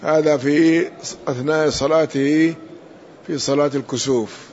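A man's voice: a little high, steady tone, normal speed, darkish tone, a little hiss or hum. A male teacher interrupting a reading with short explanatory remarks. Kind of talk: brief explanatory remarks in a lesson. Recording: dull lo-fi recording.

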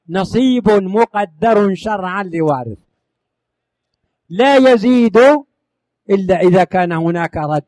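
A man with a high, lifted voice teaches a religious law lesson as a recitation. He asks his listeners each question and answers it himself, running through lists again and again. The sound is close and dry, with no room around it. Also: a little mellow, no echo. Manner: rising on each question, dropping at the end of lists; addresses listeners affectionately. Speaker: teacher of Islamic inheritance law.

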